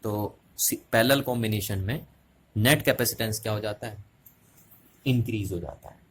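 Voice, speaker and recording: Low-voiced man teaching physics. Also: normal speed, fairly bright tone, slight background noise. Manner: repetitive, checking questions to students. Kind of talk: explaining at a board.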